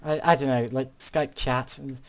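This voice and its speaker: This teenage boy runs a gaming channel and talks over his play, full of hesitations and polite, dated turns of phrase. His medium-pitched delivery is flat and at normal speed.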